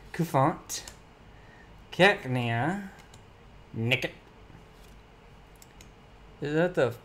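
A man's voice: medium pitch, slight background noise. A young man streaming live, reading card names aloud as he opens packs and chatting casually with his viewers.

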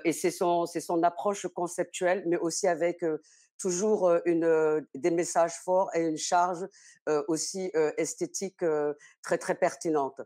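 Over a video call from a study lined with bookshelves, a middle-aged woman who serves as general commissioner of an arts season answers interview questions. Her voice sits fairly low with a darkish tone, and she speaks in a measured way, full of hesitations.

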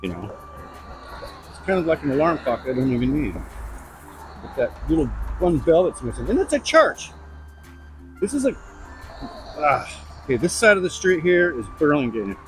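A man's voice: a little high, sing-song, moderate pace, long pauses, soft background music, poor audio. A middle-aged man rambling bluntly in a casual walk-and-talk vlog, recorded outdoors on a lapel mic. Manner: rambling, chatty, blunt asides. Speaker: vlogger. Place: outdoors on suburban streets. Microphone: lavalier mic.

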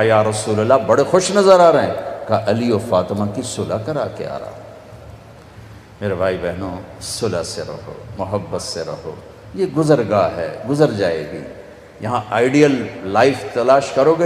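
A man's voice: fairly low pitch, animated, a little hiss or hum. A man with a Pakistani Punjabi accent preaching a sermon, telling stories and acting out the dialogue himself. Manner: storytelling, acts out dialogue, switches into Punjabi for punchlines. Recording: echoey hall, faint ambience.

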